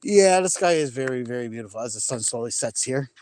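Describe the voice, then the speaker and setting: Here the Maine vlogger, a middle-aged man with a faint accent, talks fast and animated in a slightly mellow mid-range voice. Filming himself on a hand-held phone by a large lake at sunset, he rambles through a casual live chat with viewers, laughing easily and restarting often.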